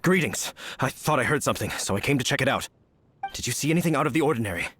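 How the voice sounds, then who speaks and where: A man's voice: medium pitch, lively intonation, quick pace, a bit bright, a little hiss or hum, lightly acted. A man playing an earnest, courteous young knight in a video game, speaking formally and politely with eager emphasis. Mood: polite inquiry.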